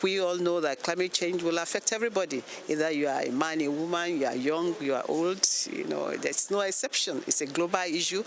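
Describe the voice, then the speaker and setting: A woman's voice: sits low, slight background noise. A woman with a Nigerian English accent, a teacher and NGO delegate, answering an interview in earnest, sometimes repeating words as she searches for them.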